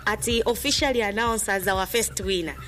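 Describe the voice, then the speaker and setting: A woman's voice: medium pitch, a little fast. A Zambian woman presenting a radio phone-in and promotion, switching between languages as she talks. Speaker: radio host. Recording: music playing behind the voice. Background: music bed.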